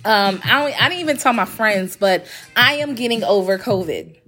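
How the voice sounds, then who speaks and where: With soft background music, a podcast host who owns a graphic design company talks casually on her own, congested while recovering from illness. She speaks at normal speed in a mid-range voice with lively intonation and a bright, forceful tone, chatty and emphatic, repeating phrases to stress them.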